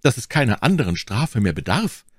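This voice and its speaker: A man's voice: medium pitch, big pitch swings, fairly quick, no room sound, studio quality, voice pushed up. A man voicing a gallant young swordsman. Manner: courtly, earnest pleading. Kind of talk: audiobook character voice.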